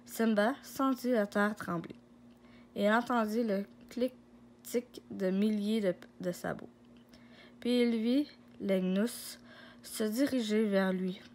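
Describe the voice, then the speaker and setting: A woman reading a children's story aloud, slow, with frequent slips and restarts. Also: mid-range voice, darkish tone, slight background noise.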